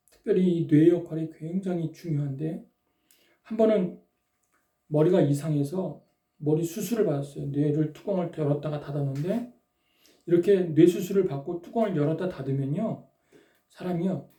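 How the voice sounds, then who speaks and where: Woman preacher, mellow tone, rhetorical and prodding, roomy church sound off-mic. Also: low-pitched. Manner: rhetorical, prodding listeners with tag questions. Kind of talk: sermon. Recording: roomy echo, distant from the mic.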